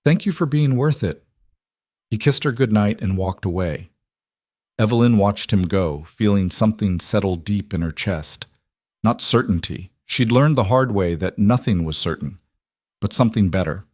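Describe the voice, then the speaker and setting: A man narrating a western story in an even, measured way. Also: fairly low pitch, dry recording, studio quality. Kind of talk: scripted narration of a western romance.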